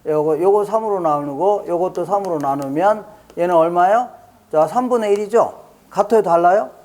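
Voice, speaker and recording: A man with a notably high voice lectures a classroom of exam students. He says each key phrase twice and keeps checking that the class is following. Now and then he trades light jokes with the students. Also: moderate pace, darkish tone.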